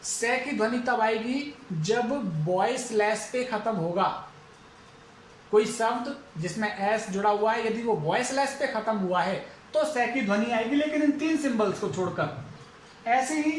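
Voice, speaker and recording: A man with an Indian accent teaching a phonetics lesson, going slowly and repeating each example word several times. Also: very high voice, reverberant, slight background noise, low-quality recording. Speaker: English teacher.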